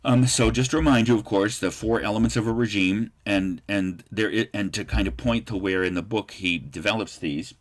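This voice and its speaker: American male lecturer, very low voice, rambling delivery with frequent um and uh, class recording. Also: moderate pace, hardly any pauses. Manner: discursive, many fillers and restarts. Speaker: political science lecturer.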